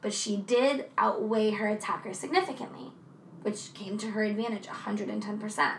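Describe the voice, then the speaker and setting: A woman co-hosting a casual true crime chat, talking in a chatty, profane way with animated asides. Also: medium pitch, moderate pace, echoey room, distant mic, slight background noise, low-quality recording. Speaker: podcast co-host.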